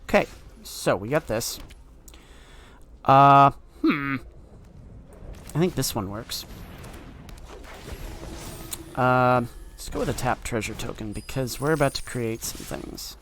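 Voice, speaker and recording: A man's voice: medium pitch, lively intonation, a little slow, long pauses, a bit bright, slight background noise. A man giving casual commentary while playing a card game, thinking aloud in an offhand way.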